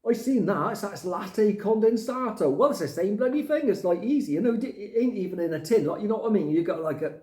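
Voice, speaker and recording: A rambling, chatty man vlogging to camera, his mellow voice swinging up and down in pitch. He drops mild swear words as he goes. The sound bounces around an echoey room. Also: expressive, brisk, hardly any pauses. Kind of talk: casual chat to camera.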